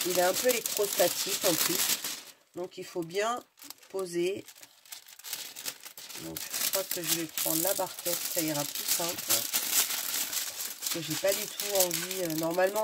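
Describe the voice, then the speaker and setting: A craft video host with a fairly low voice, recorded with a lot of noise. She's stuffy and sniffling, chatting casually and enthusiastically as she unboxes, often searching for words.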